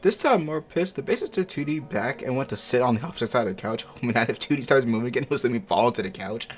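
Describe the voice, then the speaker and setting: An expressive, fast-talking man with a mid-range voice reads amateur fiction aloud in a casual way. Music plays underneath, and he keeps interrupting with profane, slangy disbelief.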